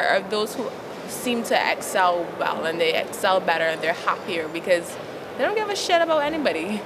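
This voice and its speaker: Frank young Barbadian woman outdoors. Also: mid-range voice. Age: young adult. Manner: frank and lively, laughs often. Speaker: interviewee, youth advocate. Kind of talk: casual interview answers. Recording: outdoor recording with traffic noise.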